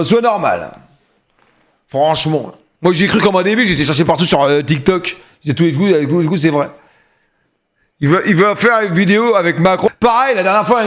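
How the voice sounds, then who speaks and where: Male live streamer, high voice that leaps around, joking, loud outbursts. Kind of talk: casual live-stream chat.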